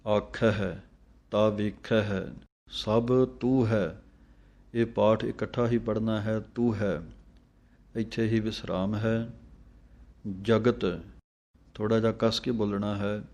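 Low flat male voice, recitation teacher, chants phrases slow then corrects them quick. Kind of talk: line-by-line recitation lesson.

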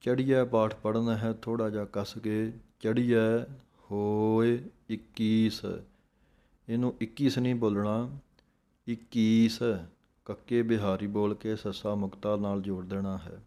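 A man teaching scripture recitation, chanting verses slowly and then calmly explaining how each word should be pronounced. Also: fairly low pitch. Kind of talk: slow recitation lesson with pronunciation corrections.

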